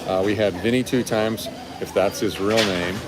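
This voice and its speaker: Holding his phone at arm's length inside a busy restaurant, a fifty-something man hosts a live stream, speaking in a steady tone at normal speed. His talk is casual and a little rambling, with diners' chatter and rumble in the background.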